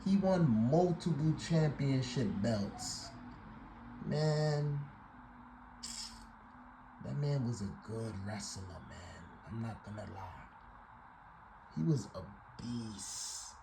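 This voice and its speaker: Slow laid-back man, echoey noisy room. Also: mid-range voice, animated. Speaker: commentator. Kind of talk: casual commentary. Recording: echoey room with clear background noise.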